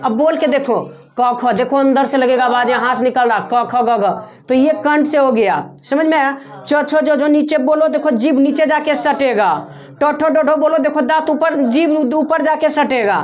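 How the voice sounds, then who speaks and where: A woman's voice: high voice, normal speed, a little mellow. A woman teacher giving a lesson, explaining step by step and often asking whether her students follow. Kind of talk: classroom lesson.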